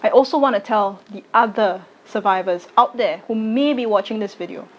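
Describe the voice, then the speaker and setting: A woman, giving a slow, deliberate personal statement to camera. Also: medium pitch, highs cut off. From Singapore. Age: late 20s. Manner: slow, deliberate, measured delivery. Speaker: arts educator and content creator.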